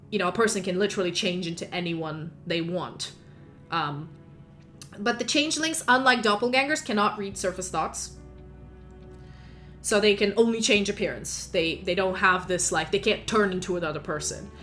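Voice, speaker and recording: A woman's voice: medium pitch, moderate pace, sharp tone, soft background music. Rambling woman game master. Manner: rambling, full of fillers, explaining lore. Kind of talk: narrating a tabletop game.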